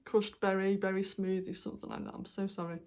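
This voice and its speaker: In a quick, somewhat mellow mid-range voice with little pitch movement, a knitting podcast host from the UK presents her projects. It's a casual, meandering show-and-tell vlog full of ums and apologies, and she's hiccuping throughout.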